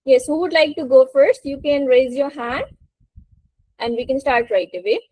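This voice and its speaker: This woman's high voice is a little mellow and moves at a moderate pace, heard through a dry, poor-quality recording. She is an English teacher running a webinar, teaching spoken English to a group online and encouraging and prompting them.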